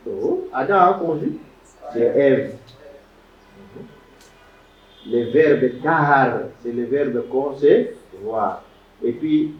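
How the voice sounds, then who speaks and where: A man teaching biblical Hebrew grammar to a class, repeating words and quizzing his students as he lectures. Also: medium pitch. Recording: roomy, distant, dull lo-fi classroom recording.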